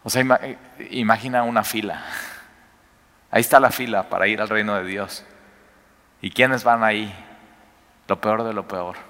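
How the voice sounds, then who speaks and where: A man, preaching a sermon in a conversational, animated way with rhetorical questions. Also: lowish voice, normal speed, long pauses. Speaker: pastor. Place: church hall. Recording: echoey hall.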